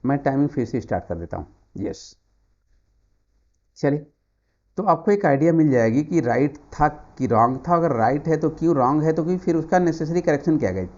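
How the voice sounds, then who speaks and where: Male Hindi-speaking grammar teacher, Indian accent, mellow dark voice, drills viewers with repeated words. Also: a little high, lively intonation, fairly quick, dull audio. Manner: repeats key words, drills viewers with timed quiz questions. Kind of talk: online exam-prep grammar lesson.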